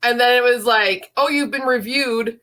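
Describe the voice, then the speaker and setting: Bright chatty woman with a stuffy voice. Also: fairly high pitch, normal speed. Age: 30s. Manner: chatty, rambling, with frequent fillers. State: stuffy and congested from illness. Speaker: host. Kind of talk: casual livestream chat.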